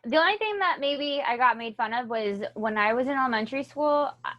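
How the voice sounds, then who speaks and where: A woman's voice: high voice, animated, brisk, dry recording. Tired, easygoing woman on a dry, muffled mic. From Florida. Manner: chatty, easygoing, playful teasing. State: tired after a morning run. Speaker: podcast co-host. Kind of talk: casual chat. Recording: dry, muffled lo-fi home recording.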